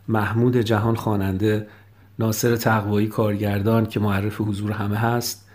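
Low-voiced male podcast narrator. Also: a little mellow. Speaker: podcast host. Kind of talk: scripted narration.

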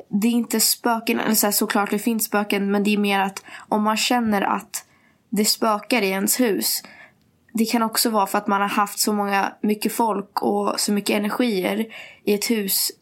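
A young woman co-hosting a podcast, chatting casually and telling stories, a little sick and tired. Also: medium pitch. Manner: chatty, animated storytelling with acted quotes. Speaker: podcast co-host. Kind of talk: casual chat, mixing Swedish and English.

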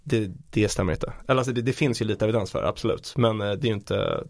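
A man co-hosting a podcast in casual chat, telling jokes and stories with animated voice impressions. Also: creaky, dry recording, studio quality. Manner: animated storyteller, mimics voices with big pitch jumps; fillers and restarts, joking. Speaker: podcast co-host.

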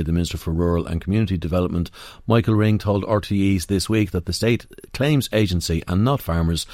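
Irish bloke hosting a radio show, really low voice, dry close studio sound. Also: male voice, a little mellow, no echo. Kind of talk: live radio presenting and interviewing.

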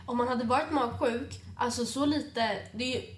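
A young woman in a casual chat whose voice sits a little high. She mostly reacts with short agreements and breaks in with quick, questioning asides. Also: steady tone, background noise.

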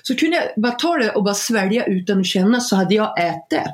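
Casual chat co-host, woman, animated storyteller with a very lively pitch who laughs often. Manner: acts out voices when telling stories. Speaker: podcast co-host.

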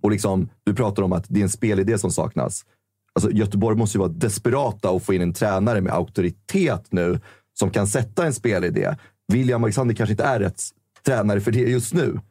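A man's voice: lowish voice, dark tone, husky, no echo, clean studio sound. A man on a podcast panel, talking football earnestly and casually, often repeating words as he thinks aloud.

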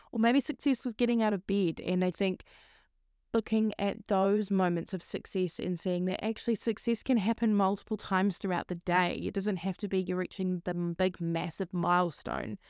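Female podcast host, mid-pitched and slightly croaky, earnest and encouraging, recorded dry and close. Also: a little mellow, no echo. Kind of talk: solo motivational podcast talk.

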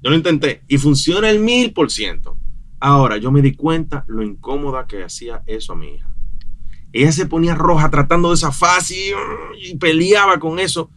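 A man, a new father chatting casually on a podcast, blunt and animated. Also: a little high, normal speed. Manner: animated, blunt, mixes quoted voices into his stories. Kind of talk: casual chat.

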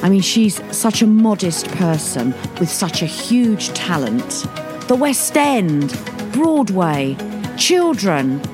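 A woman's voice: mid-range voice, big pitch swings, slow pace, music in the background. An older woman with a London Cockney accent, hosting a podcast interview in an affectionate, chatty way. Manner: affectionate, chatty, says darling. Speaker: podcast host. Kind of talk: casual chat interview.

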